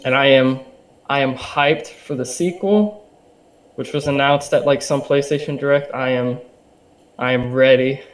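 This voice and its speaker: Speaking a little slowly, with medium pitch and fairly even intonation, a young man chats casually as a podcast guest. It's an easygoing interview, and he hesitates often, leaning on fillers and restarting eagerly.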